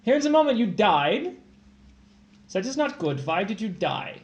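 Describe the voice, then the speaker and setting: A man's voice: sits high, very animated, measured pace. A man hosting a live-streamed tutoring lesson, explaining math problems in a playful, jokey way.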